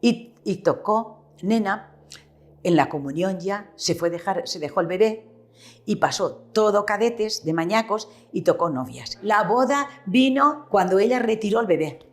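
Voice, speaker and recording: Lively older woman with Valencian-tinged Spanish. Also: medium pitch, unhurried. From Petrer, eastern Spain. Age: 70s. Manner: animated storyteller who acts out remembered dialogue. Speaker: retired shopkeeper. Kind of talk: reminiscing interview.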